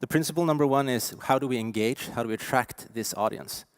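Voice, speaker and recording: A man in his forties with a Norwegian accent delivers a conference keynote from the stage. His voice sits at an average pitch and sounds dry and close, with little room around it. He talks emphatically, punching key words and dropping in fillers as he goes. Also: fast, smooth, no room sound. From Norway. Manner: lively, emphatic, with frequent fillers. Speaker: keynote speaker.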